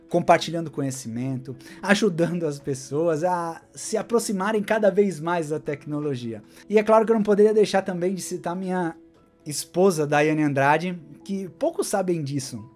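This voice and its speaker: A man, giving a heartfelt, animated year-end thank-you to camera from a home studio. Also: fairly high pitch. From Brazil. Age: 40s. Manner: warm, gesturing animatedly, emotional. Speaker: tech YouTuber. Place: home studio with gaming chair and collectibles.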